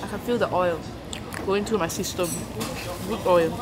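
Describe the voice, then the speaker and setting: A woman's voice: fairly low pitch, normal speed. A woman food vlogger making casual remarks with her mouth full while she eats at a market stall. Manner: murmurs appreciative comments while chewing. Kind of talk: casual eating chat. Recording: market noise with frying sizzle. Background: sizzling and frying food, market ambience.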